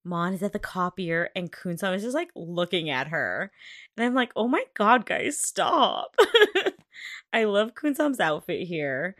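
Woman co-host, casual recap chat, giggly, teasing, excitable; dry close-mic sound. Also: fairly low pitch, a little slow, no echo. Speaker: podcast co-host.

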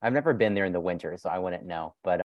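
A man's voice: sits low, lively intonation, quick pace, narrow, tinny audio. A man hosting a casual interview, chatting easily with his guest. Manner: sings a rap-style intro, then talks conversationally. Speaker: podcast host.

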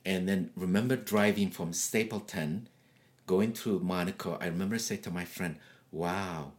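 An older man whose first language is not English, telling lively stories from his life in a casual interview and acting out the voices of people in them. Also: low-pitched, normal speed. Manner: animated, acts out voices in his stories, laughs often. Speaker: interview guest. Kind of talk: casual storytelling.

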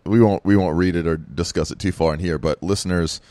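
Very deep-voiced rambling podcast host. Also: male voice, fairly even intonation, fairly quick, a little mellow, no echo. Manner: rambling, many fillers and restarts. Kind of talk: casual podcast chat.

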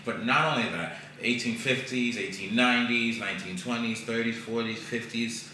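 A man talking as a podcast guest in casual conversation, animated and blunt, with a lot of swearing and "you know". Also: medium pitch, moderate pace. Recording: very echoey room with background noise.

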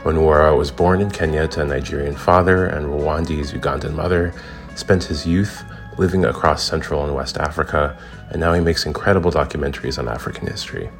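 A man with an extremely deep voice reads a scripted podcast introduction in a smooth, even delivery. Faint music plays underneath him. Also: fairly quick. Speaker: podcast announcer.

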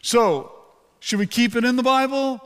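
A pastor preaches a sermon in a church sanctuary, his extremely high, fairly bright voice clear and resonant at a normal pace, though weakened after a stroke. He's candid and jokes with the congregation, and long hall reverb fills the recording.

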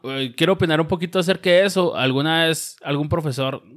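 A man's voice: a little high, fast, a bit bright. A man chatting casually on a podcast, slangy and swearing often. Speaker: podcast co-host. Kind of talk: casual chat.

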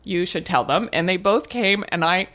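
A woman's voice: lowish voice, moderate pace, a bit bright. Frank, reflective older woman. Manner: frank and reflective, with restarts and laughs. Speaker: guest speaker. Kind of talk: candid conversational interview.

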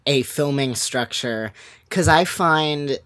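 A woman co-hosting a podcast, her voice hoarse from yelling, speaking in a wry, casual way. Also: deep voice, slow. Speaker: podcast co-host. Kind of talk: casual interview chat.

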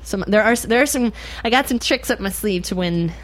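Female talk host, mid-pitched, animated and jokey, happy to argue a point conversationally. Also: brisk. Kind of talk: casual talk show chat.

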